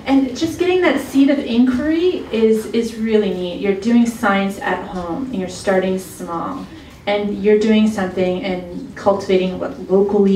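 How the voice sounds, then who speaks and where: An event moderator at a college event hall, a woman with a mid-range, dark-toned voice, introduces speakers at a summit. She rambles and restarts often. The hall is roomy, the mic is far off, and there's slight background noise.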